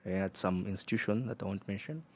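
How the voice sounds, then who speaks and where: A man's voice: lowish voice, quick pace, a little mellow. A man co-hosting a podcast in casual chat, explaining points earnestly and teasing his co-host.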